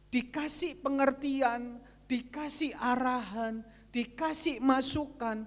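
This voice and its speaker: Male pastor, lively sermon delivery with retold dialogue, recorded in a large church hall with long echo. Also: very high-pitched. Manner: lively preaching that switches between retold dialogue and addressing the congregation.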